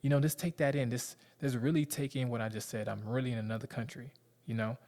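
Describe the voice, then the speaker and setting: A man's voice: medium pitch, steady tone, fast talker, a little mellow. A man in his thirties with a Southern US accent, talking candidly and rambling to his viewers in slangy casual speech. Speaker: vlogger.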